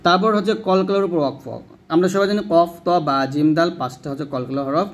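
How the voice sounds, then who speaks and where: A man explains the rules of Quran recitation patiently and step by step. He pauses to recite each example word slowly, stretching the sounds out. His voice sits a little higher than most men's.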